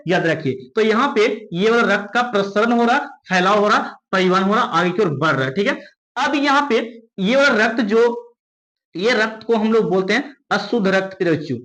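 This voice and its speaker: A man's voice: high-pitched, fairly bright tone, rough recording. A man from India with a Bihari Hindi accent teaching a science lesson to students, often asking a question and answering it himself and calling them dear children. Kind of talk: classroom lesson.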